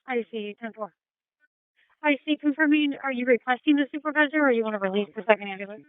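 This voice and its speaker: Brisk, clear American woman dispatcher on radio. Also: fairly high pitch, dry recording, narrow, tinny audio. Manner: procedural, reads messages back. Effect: radio transmission. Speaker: emergency dispatcher. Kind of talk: police-radio style dispatch traffic.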